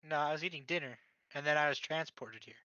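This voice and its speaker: A man with a bright, slightly high voice plots out schemes in character at a tabletop game. The sound is dry and a little dull, like a lo-fi mic. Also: quick pace, no room sound. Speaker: player. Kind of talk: in-character tabletop role-play.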